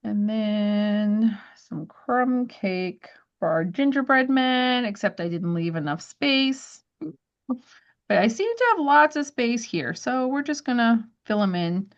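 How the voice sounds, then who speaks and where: A woman teaches a live crafting class from home, walking viewers through each step in a chatty, friendly way with little laughs. Her voice is fairly high with lively intonation, she speaks slowly, and the highs are cut off.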